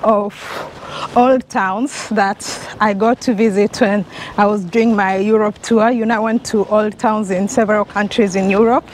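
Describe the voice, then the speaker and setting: A young Kenyan travel vlogger chats enthusiastically to an action camera held at arm's length while strolling a sunny residential street. Her Kenyan-accented voice is medium-pitched, steady and a little slow, with slight background noise.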